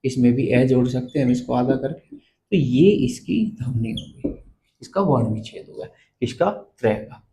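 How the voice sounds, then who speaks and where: A man teaches a grammar lesson at the blackboard in a mid-pitched voice. He talks slowly and deliberately. He repeats each key word and asks the viewer to say it back. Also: animated, vocal fry, warm tone, slight background noise, poor audio. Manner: slow, repeats terms and quizzes the viewer. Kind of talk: blackboard lesson explaining letters.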